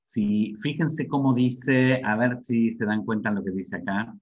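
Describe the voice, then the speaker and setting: A man's voice: on the low side, steady tone, a little slow, highs cut off, slight background noise. A man giving a webinar lecture on learning English, repeating himself and checking in with the audience often.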